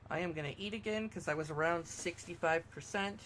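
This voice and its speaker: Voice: mid-range voice, brisk, fairly bright tone, slight background noise. A game streamer giving casual gameplay commentary, chatty and thinking aloud while building.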